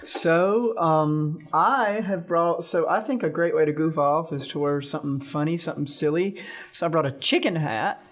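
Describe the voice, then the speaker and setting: A young male co-host on a college radio morning show, his voice a bit higher than most men's. He talks in a loose, easygoing way, dropping in "like" and "indeed". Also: moderate pace. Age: young adult. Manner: relaxed, leans on "like" and "indeed". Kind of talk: casual morning radio chat.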